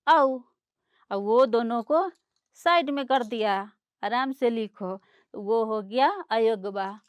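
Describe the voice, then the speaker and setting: A woman teaching young children, explaining slowly and patiently and mixing words into her lessons. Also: a little high, smooth, dry recording. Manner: slow, patient, explaining and pointing things out; mixes English words into Hindi explanations.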